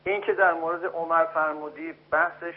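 A man's voice: on the high side, steady tone. A man calling in to a broadcast, arguing insistently and interrupting as he presses his point. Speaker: phone-in caller. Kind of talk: heated call-in debate. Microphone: phone. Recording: telephone line.

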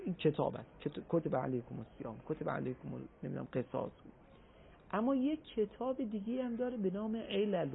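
A man giving a religious talk on a broadcast program, explaining patiently and reciting Arabic phrases slowly. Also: high voice, vocal fry, slightly rough. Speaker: religious speaker. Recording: tinny phone-like broadcast audio.

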